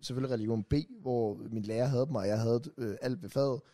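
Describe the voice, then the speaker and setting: A man's voice: medium pitch, steady tone, dark tone. Give me a young man with an average voice, chatting casually on a podcast. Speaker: podcast co-host. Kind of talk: casual chat.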